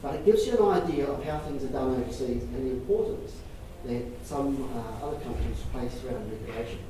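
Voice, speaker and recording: A man's voice: mid-range voice, dark tone. Man presenting in a very echoey room. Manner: measured, repeats phrases for emphasis. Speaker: presenter taking audience questions. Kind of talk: public talk with audience questions. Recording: echoey room, distant mic, noisy.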